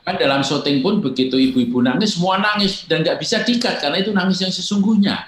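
An older man, a film director, giving measured, explanatory interview answers and acting out quoted exchanges. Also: high voice, a bit bright. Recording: roomy echo.

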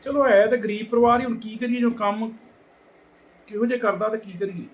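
High-voiced Majhi Punjabi storyteller man. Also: fairly quick, poor audio. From Punjab border region. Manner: lively, acts out quoted people, drops to hushed tones. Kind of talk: casual anecdote telling.

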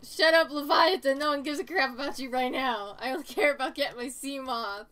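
A woman's voice: high voice, fairly quick, pushed and bright. A woman streaming a game, talking to herself in casual commentary, pleading with the game and laughing at her own mistakes.

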